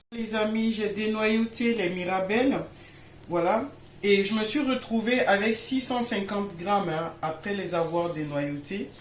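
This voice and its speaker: A woman hosting a casual home baking tutorial, chatting to viewers like friends and checking that they follow along. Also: medium pitch. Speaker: home baking video host. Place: indoors in a home kitchen. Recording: echoey room with faint noise.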